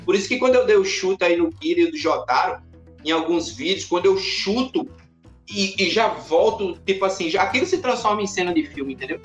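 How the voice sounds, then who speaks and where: A man, a podcast guest in casual chat, who tells his stories in an animated way and acts out the scenes. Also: high voice, a little fast, faint music behind. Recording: roomy echoey room.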